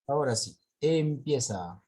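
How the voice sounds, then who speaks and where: A man teaching an online class, correcting reading errors one by one with a husky voice. His pitch sits in a middle range. The sound comes over a video call. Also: animated, measured pace, a little mellow. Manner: corrects students' reading point by point.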